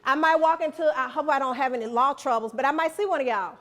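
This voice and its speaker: Guest speaker: high-pitched middle-aged woman, motivational and repetitive, preacherly. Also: fast talker. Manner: animated, preacherly, repeats lines for emphasis. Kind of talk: motivational speech to students.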